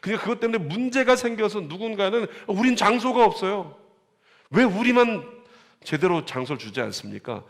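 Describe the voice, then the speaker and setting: A man preaching a Sunday sermon as pastor, animated and calling on the congregation to repeat lines and read along. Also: a little high. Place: church sanctuary. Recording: church sanctuary with long reverb.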